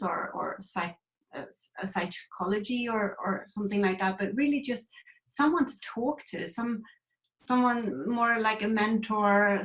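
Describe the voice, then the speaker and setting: Swedish woman speaking in an echoey room. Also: mid-range voice. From Sweden. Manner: reflective, candid storytelling. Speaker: grief recovery coach, guest. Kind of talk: conversational interview.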